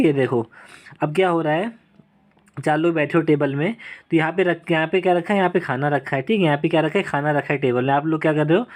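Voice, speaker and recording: Man teaching vocabulary, rather high voice. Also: a little mellow. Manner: explains with slow repeated examples and frequent check-ins. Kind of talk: recorded online lesson.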